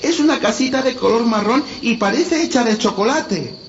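A man's voice: extremely high pitch, expressive, normal speed, pitched above the performer's own voice. A man voicing a frightened, tired little girl in a storybook, small and pleading. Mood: amazed. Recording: dull lo-fi, loud background noise.

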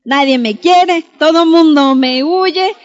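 Storybook figure: woman doing a lonely male smell spirit, slow and self-pitying, high voice, muffled lo-fi sound. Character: sad unloved little male smell spirit. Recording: dull lo-fi recording.

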